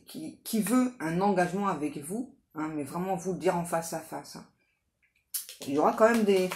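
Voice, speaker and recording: A woman with a slightly low voice reads tarot in a casual, unscripted way, talking straight to the listener. She is halting and repeats herself, often checking in with short tag words. The room is clearly echoey, with a faint noise underneath. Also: a little mellow. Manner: halting, repetitive, with frequent tag words seeking agreement. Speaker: tarot card reader hosting a guidance channel. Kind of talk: casual improvised tarot reading addressed to the listener.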